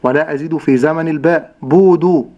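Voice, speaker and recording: A man teaching correct Quran recitation, slowly sounding out each syllable and contrasting right and wrong pronunciation. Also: a little high, dark tone, muffled recording. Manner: slow, deliberate, models sounds syllable by syllable. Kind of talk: tajweed pronunciation lesson.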